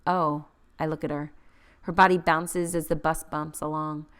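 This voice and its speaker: A woman reading a first-person novel aloud as an audiobook narrator, in a measured, gently expressive way. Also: low voice, clean tone.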